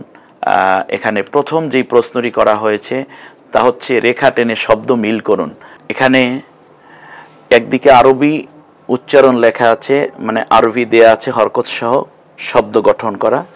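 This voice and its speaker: A man teaching a televised Quran reading class, patiently explaining and slowly sounding out each syllable. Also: medium pitch. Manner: slow, drawn-out syllable-by-syllable sounding out. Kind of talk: TV classroom lesson.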